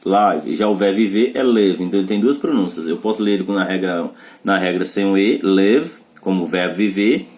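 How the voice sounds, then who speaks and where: A man's voice: low-pitched, fast talker, a little mellow. A man teaching a pronunciation lesson. He explains the rules step by step and checks with short questions that students follow. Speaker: English teacher.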